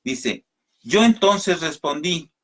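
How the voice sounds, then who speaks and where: A man teaches a Bible study over the radio, patient and explanatory. His voice sits somewhat high for a man. He reads passages of scripture aloud and addresses his listeners as brothers. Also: expressive, takes it slowly, fairly bright tone. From Mexico.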